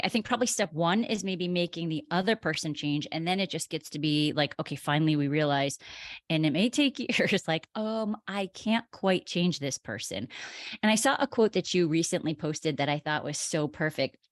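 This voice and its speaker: Low-voiced woman podcast host, dry sound. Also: expressive, moderate pace, no room sound. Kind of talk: casual podcast conversation.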